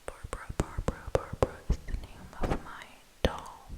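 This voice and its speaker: A woman esthetician whispering casual ASMR chat, rambling with lots of filler words in a breathy unvoiced whisper. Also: moderate pace.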